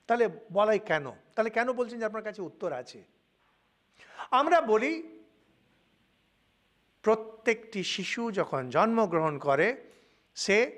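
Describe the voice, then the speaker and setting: This high-pitched speaker is an older monk from India whose Bengali accent colors a spiritual lecture. He tells stories animatedly and sprinkles in English words.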